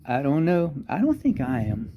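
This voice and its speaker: An older man delivering a rambling satirical monologue full of sarcastic, deadpan asides. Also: on the high side, normal speed, narrow, tinny audio. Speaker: comedic commentator.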